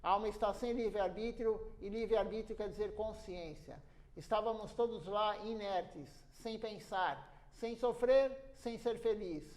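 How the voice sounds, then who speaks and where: A man's voice: high voice, measured pace, darkish tone. A man preaching in a temple class, earnest and repeating phrases for emphasis. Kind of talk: sermon.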